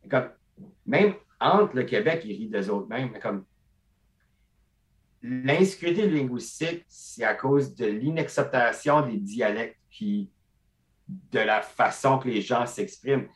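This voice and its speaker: A man's voice: medium pitch, a little slow. A man with an Acadian French accent, a podcast guest talking casually and switching into English often. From Acadia, eastern Canada. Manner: mixes English into his French, animated storytelling. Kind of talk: casual conversation.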